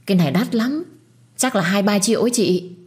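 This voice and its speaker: A woman's voice: medium pitch, fairly quick, darkish tone, voice pushed up, lightly acted. Woman doing a greedy, spoiled young girl. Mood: eager.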